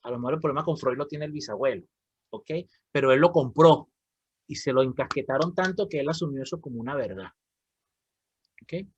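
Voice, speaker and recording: A man with a Venezuelan accent leading an online reading club and explaining ideas in a lively way, often asking "¿ok?". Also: mid-range voice, fairly quick, a little hiss or hum. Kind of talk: moderating an online reading discussion. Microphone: video call. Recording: dry, slightly dull call audio.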